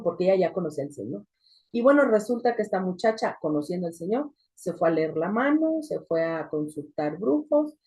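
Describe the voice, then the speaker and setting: A woman's voice: on the low side, mellow, breathy edge. A woman teaching a church women's group, telling a deliverance story with sudden emphatic rises. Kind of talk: testimony teaching.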